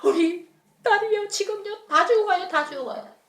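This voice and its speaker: A woman's voice: a little high, moderate pace, far from the mic, voice pushed up, close to an everyday voice. A woman voicing a desperate father who begs urgently and breathlessly for help, in a hall with echo. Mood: desperate pleading. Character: desperate middle-aged father begging for help.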